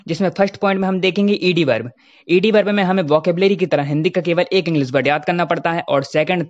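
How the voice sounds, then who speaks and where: A young man teaching verb forms, repeating each form slowly and deliberately. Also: on the high side, muffled recording. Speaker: English teacher. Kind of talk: Hindi-language English grammar lesson.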